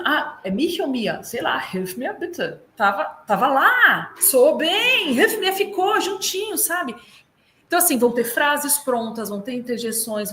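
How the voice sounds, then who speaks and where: A Brazilian woman consultant and German teacher giving lively, explanatory advice over a video call, sounding out German words to show how they are said. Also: fairly high pitch, a little hiss or hum. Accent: Brazilian Portuguese.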